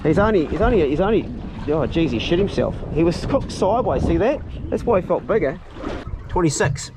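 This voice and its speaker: Here the Kiwi vlogger sounds high, expressive and brisk, tossing off laid-back, slangy outdoor chat among mates. The setting is a farm and a small boat, with strong wind and engine noise throughout.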